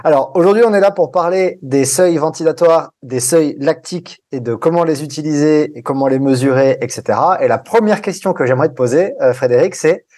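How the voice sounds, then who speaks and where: A man's voice: fairly high pitch, a little fast, few pauses, warm tone. French man hosting a running podcast. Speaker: podcast host. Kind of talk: scripted explainer then interview.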